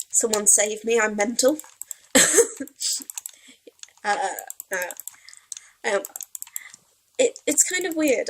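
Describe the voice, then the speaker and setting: Her voice sits in the mid-range, and the recording is rough, with a faint hiss or hum. A young let's play gamer from Wales, whose Welsh accent carries hints of Yorkshire, she chats in a rambling, self-deprecating way while she plays.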